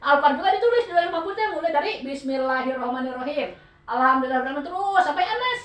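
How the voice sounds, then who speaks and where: A woman with a fairly high voice and a Sundanese accent teaches a Quran study group. She explains patiently and keeps asking her listeners to answer. The sound is echoey, heard from a distance across a room with faint noise behind. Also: expressive, rapid-fire, fairly bright tone. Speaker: religious teacher.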